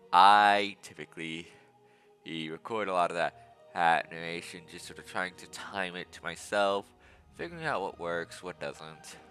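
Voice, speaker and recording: A man's voice: low-pitched, sharp tone. A man giving casual, rambling commentary over his strategy game footage, with self-aware asides. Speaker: gaming video host.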